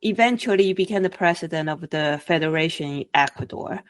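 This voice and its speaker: Lower-voiced woman host asking questions. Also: fast talker. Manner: inquisitive, checks facts back. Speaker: podcast host. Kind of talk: interview questions.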